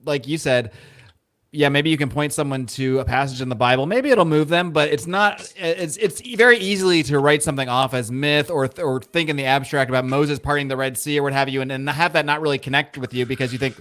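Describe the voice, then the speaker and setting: A man's voice: a little high, steady tone, fairly quick, fairly bright tone. Thoughtful male podcast host. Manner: thoughtful, hesitant, asks follow-ups. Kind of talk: casual interview chat.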